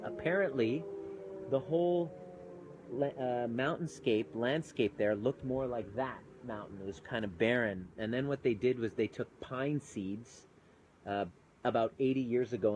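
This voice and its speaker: Outdoors with mountains in sight, a Canadian chiropractor turned coach talks earnestly and chattily on a phone live stream, breaking off mid-thought to greet viewers. His voice is low and a little mellow. The recording is rough, with slight background noise.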